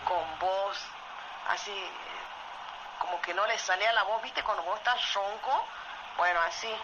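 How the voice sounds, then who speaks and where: Salta woman telling a spooky true story, lively, dull muffled audio. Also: medium pitch, measured pace. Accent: Argentine, from Salta. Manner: lively storytelling, frequent "¿viste?". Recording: muffled voice message with loud noise.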